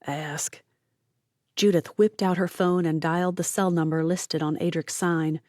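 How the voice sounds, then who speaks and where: A woman's voice: on the low side, level tone, normal speed, a little mellow, no echo, studio quality. A woman narrating an audiobook, voicing each character and dropping to a whisper for tense lines.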